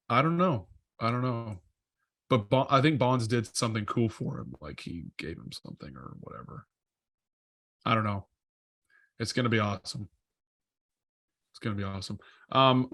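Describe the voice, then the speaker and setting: A man's voice: lowish voice, fairly bright tone, dry recording, studio quality. A man co-hosting a podcast in casual chat, rambling and correcting himself as he thinks aloud. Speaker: podcast co-host.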